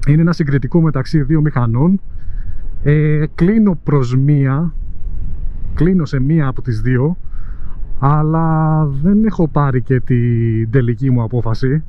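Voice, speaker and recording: On a motorcycle riding through city streets, a male motovlogger with a Greek accent chats casually and teases his viewers. His voice is slightly high and narrow, and the audio sounds tinny.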